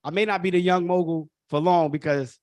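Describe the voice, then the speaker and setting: A man's voice: high-pitched, fairly even intonation, fairly quick, darkish tone, no echo. Emphatic Brooklyn man hosting a workshop. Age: 30s. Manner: emphatic, repetitive, addresses audience as y'all. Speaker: workshop host. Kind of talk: live online workshop talk.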